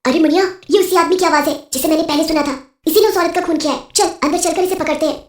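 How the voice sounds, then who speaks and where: Woman voicing a young cartoon witch, frightened, pleading, high voice, echoey room. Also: quick pace. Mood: worried. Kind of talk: cartoon voice acting. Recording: roomy echo.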